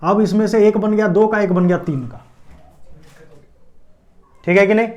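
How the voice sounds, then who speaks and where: High-voiced man teaching biology at a board. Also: unhurried, a little mellow. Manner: asks and answers his own questions, checking understanding. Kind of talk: classroom lecture at a board.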